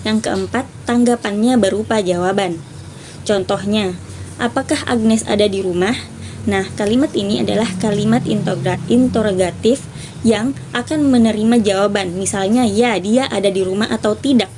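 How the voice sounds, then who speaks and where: A young woman presenting a class topic, reading her points in a steady list. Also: medium pitch, moderate pace, noisy background. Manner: steady listing of points, clears throat. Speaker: student presenter.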